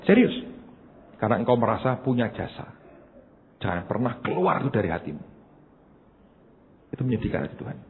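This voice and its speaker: Animated Javanese-accented male preacher. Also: medium pitch, a little fast, long pauses. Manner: animated storytelling, emphatic asides to the congregation. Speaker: pastor. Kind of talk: sermon. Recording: echoey hall, narrow phone-like sound, faint hiss.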